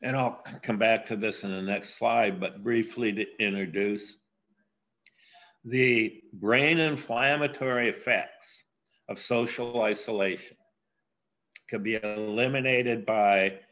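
An older man giving a keynote academic lecture, speaking in a measured way with frequent pauses and filler sounds. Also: fairly low pitch, steady tone, fairly bright tone. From USA.

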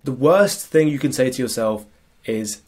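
A sniffly productivity coach with a cold has a mid-range, darkish voice and speaks expressively at normal speed. He gives a casual slide-sharing lecture, checking in often with the tag question "right?"

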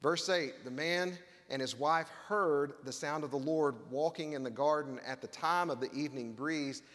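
A man's voice: fairly high pitch, a bit bright. Preaching man in a reverberant sanctuary. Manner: earnest preaching with wry humor. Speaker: pastor. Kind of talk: sermon. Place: church sanctuary. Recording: long hall reverb.

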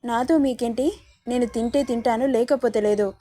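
A woman's voice: on the high side, fairly even intonation, normal speed, mellow, close to an everyday voice. A woman voicing a hurt, stubborn young heroine who speaks in reproachful, pleading questions.

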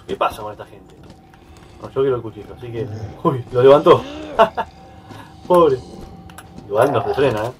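A mid-pitched man with a Rioplatense Spanish accent chats his way through a horror game. He narrates in loose, casual commentary and often yelps or laughs when something startles him. A faint background hiss sits under his voice. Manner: chatty, easily startled, yelps and laughs at scares. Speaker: gaming YouTuber. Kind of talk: casual let's-play commentary.

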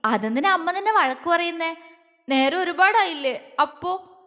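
A woman's voice: extremely high pitch, animated, moderate pace, bright, forceful tone, in a large hall, pitched above the performer's own voice, full character voice. A woman voicing a timid young woman who stammers and sobs as she pleads. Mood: tearful, pleading.

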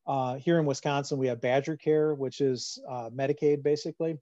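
A Midwestern man fields questions on a video call, his voice mellow and dark and the sound dry and close. The audio is dull and lo-fi, like a computer microphone. He talks in a loose conversational way, full of fillers and restarts. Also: mid-range voice, steady tone, a little fast, no echo. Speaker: farm finance presenter. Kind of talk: answering audience questions in a webinar. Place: home room on a video call.

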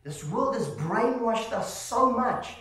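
A man's voice: extremely high pitch, takes it slowly. Preaching man in an echoey church. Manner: animated, calls listeners "family" and checks in with "Amen?". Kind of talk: sermon. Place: church hall. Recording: echoey hall, voice from far off.

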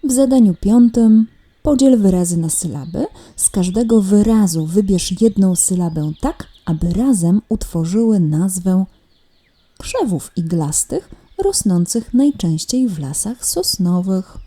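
A woman primary school teacher walking children through workbook exercises in a recorded remote lesson, patient and gently teasing. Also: mid-range voice, lively intonation, measured pace. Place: at home.

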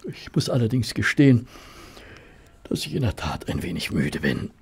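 A man acting in an audio drama as a mild, loyal gentleman doctor, raspy, hesitant and polite. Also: lowish voice, very animated, normal speed, heavily acted. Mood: polite, tired. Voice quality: raspy, gravelly.

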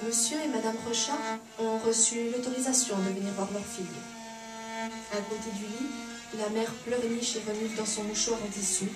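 A woman author reading her novel aloud at a live café concert, hushed and intense, swelling to drama, with a bowed viola playing alongside. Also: fairly high pitch, fairly even intonation, moderate pace, music in the background. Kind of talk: live literary reading with music. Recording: roomy hall, distant mic, live viola.

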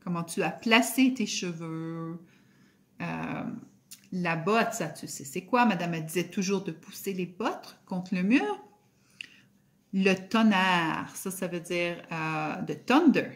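A woman teacher, giving a phonics lesson to children and sounding out each word slowly and clearly. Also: lowish voice, lively intonation. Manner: slow, drawn-out word-by-word pronunciation.

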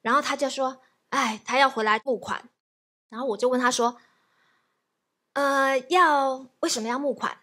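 A woman's voice: sits high, normal speed, pauses often. A woman pastor telling a testimony in a sermon, laughing often as she tells it. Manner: lively storytelling, laughs often.

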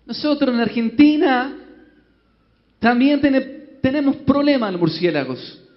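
A pushy, self-important bishop from Argentina, as a preacher puts him on, his voice climbing high and bright above the preacher's own. The sound is dull and lo-fi, with a long reverb trailing every phrase. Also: big pitch swings, fast. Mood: insistent. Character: boastful Argentine male bishop, eager to be heard.

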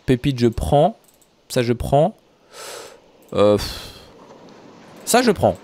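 A young man chatting excitedly to his viewers while commenting on his own gameplay. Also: medium pitch, slow pace. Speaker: gaming YouTuber. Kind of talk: Minecraft let's play commentary.

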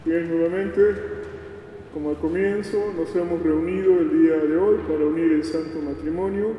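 A man's voice: fairly high pitch, steady tone, normal speed, lo-fi sound. A middle-aged man, a priest reading the gospel and preaching with a cathedral echo around his voice. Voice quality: echoing cathedral sound. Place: large church, indoors. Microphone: gooseneck lectern microphone heard from far off. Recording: echoey church hall, distant, noisy.

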